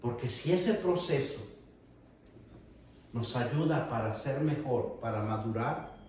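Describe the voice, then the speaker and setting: Male preacher, emphatic sermon delivery, slow pace, distant mic in a booming echoey hall. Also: animated, darkish tone, slight background noise. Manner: slow, deliberate preaching with raised emphatic passages. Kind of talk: sermon with Bible reading. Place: church hall.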